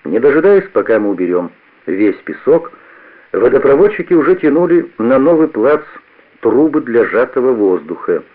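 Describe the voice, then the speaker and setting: A man giving an expressive, measured first-person narration of a story, recorded on a tinny lo-fi old radio recording. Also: mid-range voice.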